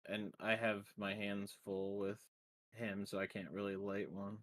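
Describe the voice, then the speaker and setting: A man's voice: fairly low pitch, little pitch movement, a little slow, fairly bright tone, slight background noise. A man playing in an online tabletop game, thinking aloud hesitantly with many ums as he decides what his character does. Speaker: player.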